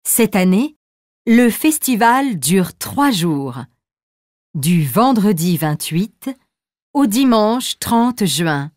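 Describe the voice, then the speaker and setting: A woman presenting music news in a cheerful, clear way. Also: medium pitch, sing-song, very slow, darkish tone, no room sound, studio quality.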